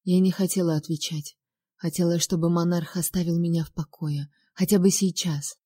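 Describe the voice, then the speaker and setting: Brief: female audiobook narrator, steady emotive first-person reading, warm low tone. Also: moderate pace, no echo, clean studio sound.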